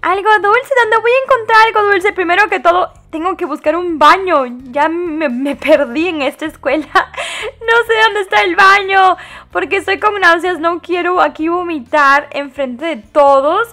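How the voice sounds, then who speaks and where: Woman game host, bright high voice, dramatic exclamations, casual commentary. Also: moderate pace. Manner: animated, dramatic exclamations and giggles.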